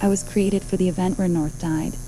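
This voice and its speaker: A woman voicing a calm, formal female robot that can turn blunt and sarcastic. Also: on the low side, a little fast, noisy background, close to an everyday voice. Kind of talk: audio drama acting.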